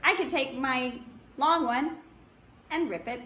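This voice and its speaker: Pushed and bright, with a voice that sits high, a middle-aged art teacher explains a craft to children step by step in short, simple phrases, unhurried as she works with her hands at an indoor wooden table. The camera is a couple of meters away; the room echoes and faint noise sits underneath.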